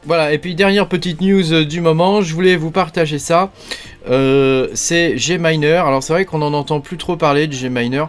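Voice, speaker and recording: A man's voice: on the high side, moderate pace, faint music behind. A man hosting a casual mining news roundup, talking loosely with many hesitations and fillers. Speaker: crypto mining channel host.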